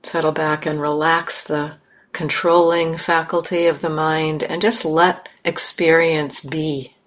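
This meditation teacher, a woman with a deep voice, keeps a level tone as she guides the session. She speaks in short, measured bits with gaps in between.

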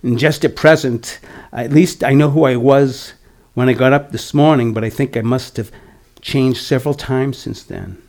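Shy young girl alice voiced by an older man, halting, faltering, a bit of creak. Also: mid-range voice, a little mellow, close to an everyday voice. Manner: hesitant, stammering.

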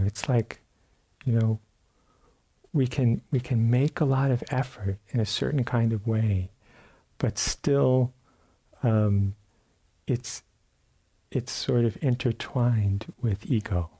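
A man giving a dharma talk at a meditation retreat, telling a story in a relaxed way with many fillers and restarts, sometimes acting out sounds and quotes. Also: mid-range voice. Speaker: meditation teacher. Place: retreat center meditation hall.

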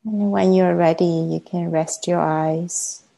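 A meditation teacher who is a native Chinese speaker guides a session gently, leaving long, unhurried pauses. Her voice is lowish, steady and gravelly, and the audio quality is poor.

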